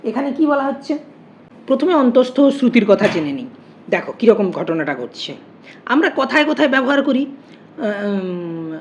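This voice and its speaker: An online grammar lesson is led by a woman whose mid-range voice has a slightly mellow quality. She explains each point step by step, asking and answering her own questions, on a muffled lo-fi recording with faint noise.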